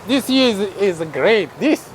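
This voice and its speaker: A man's voice: sits high, very animated, unhurried, low-quality recording. A man vlogging his travels outdoors at a busy city market, chatting and laughing with the people he meets. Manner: chatty, laughs often, talks to passers-by. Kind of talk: casual travel vlog narration. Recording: outdoor street noise.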